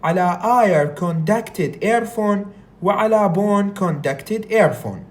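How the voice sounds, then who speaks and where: The lecturer, a woman with an Iraqi Arabic accent, has an expressive mid-range voice. On this recording she reads English slowly, explains it in Arabic, and keeps asking questions only to answer them herself.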